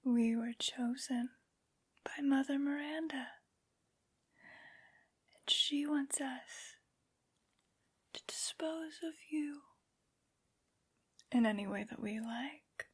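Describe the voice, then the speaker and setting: Woman playing whispering, haughty vampire Lady Dimitrescu. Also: high voice. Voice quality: breathy, mostly whispered. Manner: slow, deliberate, condescending, drawn-out phrasing. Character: tall, evil, haughty aristocratic vampire woman, menacing. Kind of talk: soft-spoken ASMR villain roleplay.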